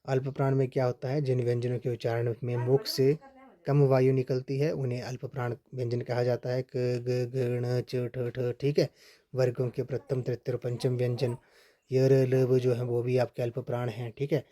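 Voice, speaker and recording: A man teaching a Hindi grammar lesson for exam preparation, steady and repetitive, often checking in with "ठीक है". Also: mid-range voice, normal speed. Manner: steady, repeats points with frequent "ठीक है" checks.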